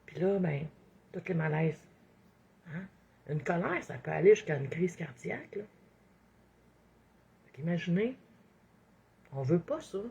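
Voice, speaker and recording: A woman with a Québécois accent talks through everyday advice in a loose, expressive monologue, voicing her own inner thoughts as she goes. Her voice sits a little low and carries a husky, breathy edge. The sound is muffled and slightly lo-fi. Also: a little slow, pauses often. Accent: Québécois French. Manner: expressive, acts out inner thoughts, frequent "hein". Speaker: inspirational speaker. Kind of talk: casual motivational monologue.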